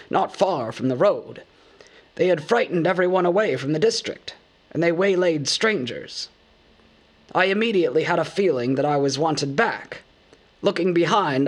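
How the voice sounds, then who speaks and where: A man voicing an old male wizard who talks briskly and scolds with impatience. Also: on the high side, voice pushed up. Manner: brisk, scolding, matter-of-fact. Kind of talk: audiobook character voice.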